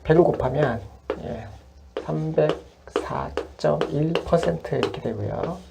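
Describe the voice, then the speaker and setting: Very low, gravelly-voiced woman math tutor. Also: animated, a little slow, heavy background noise. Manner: patient, step-by-step explaining. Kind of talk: worked-example lesson.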